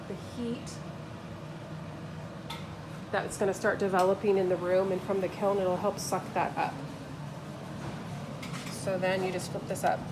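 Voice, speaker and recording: Woman, plain instructional delivery, phone-recorded with steady background noise. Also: mid-range voice. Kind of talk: step-by-step demonstration. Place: kiln room. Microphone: phone held while filming.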